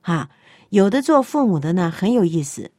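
A middle-aged woman preaching a sermon. She tells stories in a lively way and often asks the listeners questions. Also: fairly low pitch, normal speed, dry recording, clean studio sound. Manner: lively storytelling that acts out dialogue. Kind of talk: sermon on parenting.

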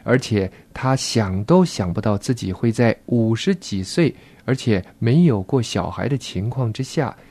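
Relaxed male radio host, mellow tone. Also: mid-range voice, unhurried, few pauses. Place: radio studio.

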